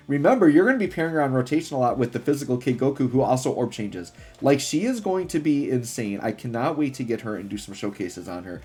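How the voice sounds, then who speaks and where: A male gaming host chats casually over music. He rambles excitedly and slangily through his gameplay commentary, in a mid-pitched voice with a slightly rough edge. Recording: music behind the voice.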